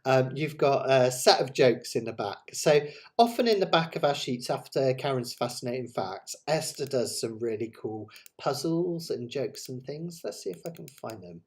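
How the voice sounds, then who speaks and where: A man's voice: mid-range voice, animated, normal speed. A man with a West Country English accent hosting a casual livestream, chatting in a rambling, enthusiastic, self-deprecating way. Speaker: host of a live ukulele play-along. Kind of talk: casual livestream chat to viewers.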